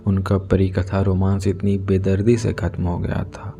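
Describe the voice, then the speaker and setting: A man narrating an audiobook story in a steady, measured way. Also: low-pitched. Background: background music.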